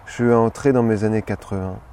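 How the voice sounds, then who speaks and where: A man in his thirties in a comedy sketch interview, playing a self-important actor in a deadpan manner. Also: on the low side, fairly quick, a little hiss or hum. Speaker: comic actor persona being interviewed.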